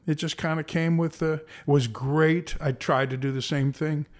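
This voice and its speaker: A man in his sixties from the American Southwest, appearing as an interview guest, tells rambling anecdotes about his childhood and career, correcting himself as he goes. His voice is a little high, steady in tone, at a normal speed, suited to reflective storytelling.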